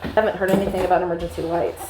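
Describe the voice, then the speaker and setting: A woman with a fairly low, flat voice races through casual, informal vlog narration, thinking aloud as she documents her bus renovation. She's recording inside the bus mid-conversion, and the on-site audio is noisy with a radio playing and work sounds around her.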